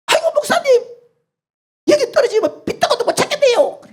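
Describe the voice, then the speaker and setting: A pastor voicing a frightened, pleading young man who shouts and nearly cries. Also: sing-song, quick pace, creaky, exaggerated voice. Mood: terrified. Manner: shrill, near tears, shouting.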